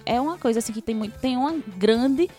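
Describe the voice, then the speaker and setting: A woman's voice: fairly high pitch, fast, dark tone, soft background music. A woman in a casual podcast chat, earnestly making her point while searching for words and restarting her sentences. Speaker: podcast co-host.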